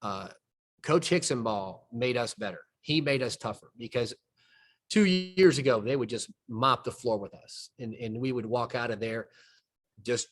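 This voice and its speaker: Folksy coach breaking down plays. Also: male voice, medium pitch, moderate pace. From southern United States. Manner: folksy, explains plays step by step, trails off and restarts. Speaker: basketball coach. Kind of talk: film breakdown conversation.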